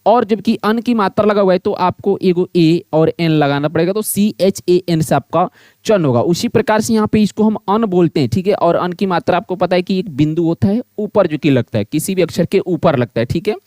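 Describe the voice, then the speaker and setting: A man teaches a blackboard lesson. He keeps asking the class a question and answering it himself in a repetitive drill. His voice sits high and sounds dry and close, with no room echo. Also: a little fast, a little mellow.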